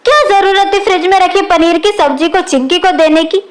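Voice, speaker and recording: A woman's voice: extremely high pitch, a little fast. A woman reading the lines of a clever young sister-in-law who complains sharply, in a storybook reading.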